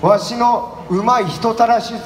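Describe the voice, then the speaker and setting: Man playing Hideyoshi, a high-pitched excitable old samurai. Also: measured pace. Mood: proud storytelling. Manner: animated, folksy old-man speech, projected. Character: excitable, self-deprecating grubby old samurai warlord. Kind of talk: live comic stage samurai performance. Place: festival stage at night. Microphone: headset through PA. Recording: echoey stage PA with background noise.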